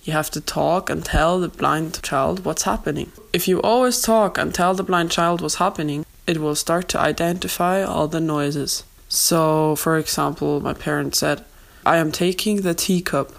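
A young adult woman hosting an informal educational podcast, explaining things in simple, repeated phrases on a low-quality makeshift recording. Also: steady tone, moderate pace, creaky, few pauses. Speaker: podcast host. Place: home, during a move. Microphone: makeshift non-studio microphone.

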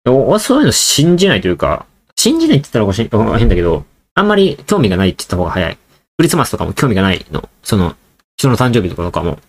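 Male solo podcaster, casual and rambling, addresses listeners directly, quick delivery. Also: fairly low pitch, wildly swooping pitch. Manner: rambling, joking, talks straight to listeners. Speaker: podcast host.

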